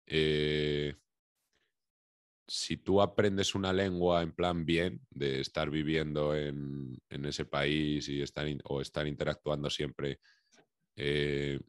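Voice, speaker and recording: A young Spanish man with a Spain Spanish accent, co-hosting a podcast in relaxed, slangy casual chat. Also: extremely low pitch, no echo, clean studio sound. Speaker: podcast co-host.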